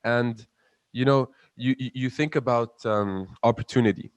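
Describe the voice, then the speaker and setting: A man's voice: mid-range voice, moderate pace, dry recording. A young man in his twenties from Palestine, speaking earnestly and passionately as an interview guest, often repeating words as he builds his point. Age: 20s. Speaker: guest, student entrepreneur. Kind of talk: interview answers.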